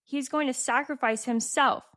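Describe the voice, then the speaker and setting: A woman's voice: high voice, steady tone, moderate pace, a bit bright, voice pushed up. A woman reading out an earnest boy wizard. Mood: dramatic. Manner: dramatic read-aloud.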